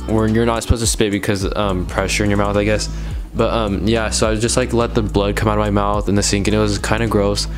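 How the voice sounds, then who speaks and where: A young man chatting casually to camera in a hesitant, rambling way, with a slight lisp from wearing retainers. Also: on the low side. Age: young adult. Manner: hesitant, rambling speech full of "like". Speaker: video blogger.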